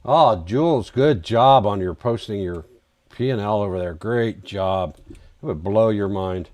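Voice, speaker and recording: A man with a fairly low, darkish voice speaks at a measured pace, with no room sound in the recording. He's hosting a live trading stream, chatting casually, reading charts and answering viewer questions, though his voice is getting worn and he's losing it.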